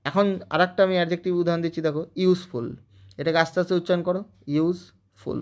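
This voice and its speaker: A man's voice: high-pitched, fairly even intonation, very fast. A man teaching English grammar in Bengali with a West Bengal accent, explaining step by step and checking in with students. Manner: explains step by step with frequent "okay?" check-ins. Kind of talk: spoken grammar lesson.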